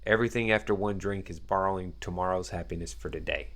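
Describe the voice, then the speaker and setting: A man's voice: low-pitched, fast, fairly bright tone. A man speaking as a podcast guest, earnest and reflective, building his points through everyday examples in casual conversation.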